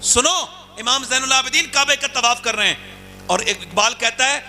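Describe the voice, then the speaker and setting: A man preaching a religious sermon to a crowd, telling stories with passion and rising to shouts as he urges listeners to respond. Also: very high-pitched, soft background music. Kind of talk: Urdu religious sermon with storytelling.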